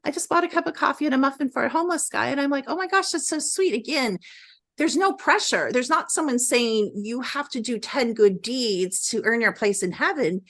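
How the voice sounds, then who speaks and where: A woman's voice: sits high, animated, brisk, fairly bright tone. A middle-aged woman talking as a podcast guest, gushing and rambling as she tells stories in a casual conversation. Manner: effusive, gushing, rambling storyteller.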